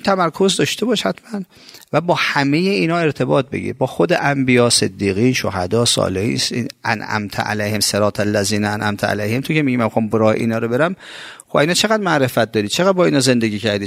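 A man with an Iranian Persian accent preaches in a loose, conversational way, his voice gravelly with a steady creak. He pushes key lines up with emphasis, then lets other phrases sink low and slow. The sound is dry and close, with no room around it. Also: dry recording. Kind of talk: colloquial religious sermon.

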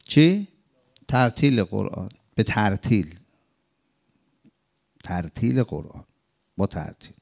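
Gravelly-voiced man preaching with rhetorical questions. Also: big pitch swings, pauses often, a little mellow. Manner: rhetorical questions, swings between emphatic high and low murmured phrases. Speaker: religious teacher. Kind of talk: sermon-style Quran commentary.

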